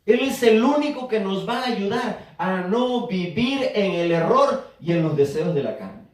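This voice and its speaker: A man with a high voice preaches animatedly at a measured pace, teaching and calling for responses from the congregation. He is captured from far off in an echoey church.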